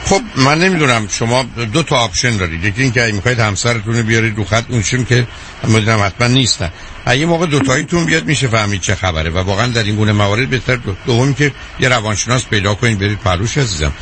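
A man hosting a call-in advice show on the radio, talking to callers frankly, calmly and directly. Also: medium pitch, a little hiss or hum.

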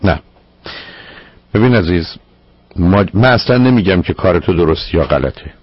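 A man's voice: sits low, expressive, breathy edge, no room sound, dull audio. A man hosting a radio call-in show as a psychologist, probing and lecturing his caller firmly. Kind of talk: call-in advice counseling.

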